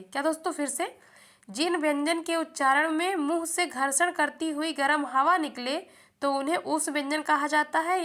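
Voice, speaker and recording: A young woman with a high, bright voice teaches an exam-prep lesson. She often puts a question to the viewer and answers it herself, keeping a steady teaching rhythm. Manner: repeats questions back to the viewer, calls them friends.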